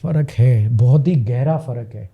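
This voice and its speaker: A man's voice: mid-range voice, normal speed, slightly rough, phone-quality sound. A man, a podcast guest telling a story dramatically and repeating lines for emphasis. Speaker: podcast guest, parenting coach.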